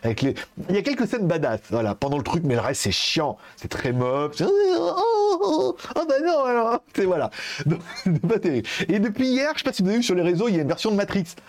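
Chatty man with a higher voice, rambling. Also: sing-song, fast talker. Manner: rambling, lots of hesitations and fillers, swearing, laughs often. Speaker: tech news show host. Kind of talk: casual spoken commentary. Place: at home in Asia.

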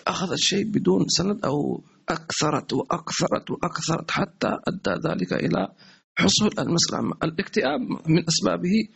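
A male religious teacher, giving a sermon-style lesson in a conversational, animated way and repeating words for emphasis. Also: high-pitched, vocal fry, breathy edge. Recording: dull lo-fi stream audio.

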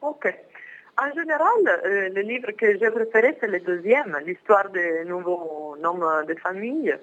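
A woman's voice: mid-range voice, lively intonation, unhurried, a bit bright. A young woman from Milan with an Italian accent, speaking French as a phone guest, hesitant and searching for words. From Milan, northern Italy. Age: young adult. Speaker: phone guest, former exchange student. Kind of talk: phone interview. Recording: muffled phone line.

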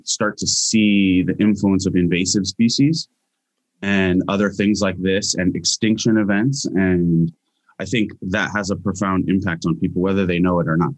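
A man's voice: low voice, dry recording. A young Hawaiian man answering interview questions casually as a guest scientist, with frequent restarts and fillers.

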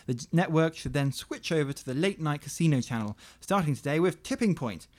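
A man's voice: a little high, expressive, fairly quick, darkish tone. A man making mock-serious announcements as a radio co-host, in a solemn, newsreader-like way.

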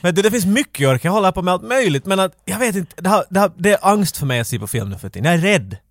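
Animated man telling a story. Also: high voice, no echo, clean studio sound. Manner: animated, rambling with restarts. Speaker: podcast co-host. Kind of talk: casual chat, storytelling.

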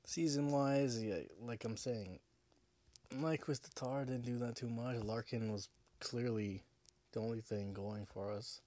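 A man's voice: mid-range voice, fairly even intonation, a little slow, mellow, no echo. A drunk man hosting a casual sports podcast alone, rambling, repeating himself and swearing. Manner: rambling, profane, repetitive. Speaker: podcast host.

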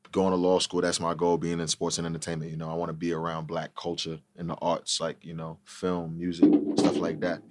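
A man's voice: sits low, dry recording, studio quality. A young man, a laid-back, confident podcast guest. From Long Island, New York. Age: 20s. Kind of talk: casual chat.

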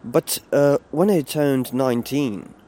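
A Ukrainian podcast host in his late twenties talks candidly while walking to work along a city street. His voice is medium-pitched and warm, and he takes his time, with fillers and restarts throughout this casual monologue.

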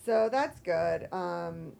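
A woman with an American accent and a hoarse, croaky voice from allergies, chatting casually and candidly as a self-deprecating podcast co-host. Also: on the low side, animated, drawn-out words, a little mellow. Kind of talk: casual chat.

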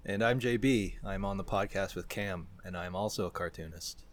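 A man's voice: deep voice, moderate pace. A man who is a cartoonist, guesting on a podcast in casual chat, laid-back and joking.

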